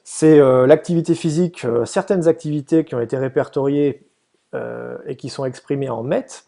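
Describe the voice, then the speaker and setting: A man's voice: on the high side, moderate pace, dark tone. A man giving a casual, explanatory slide presentation to volunteers, hesitant, with many fillers and restarts.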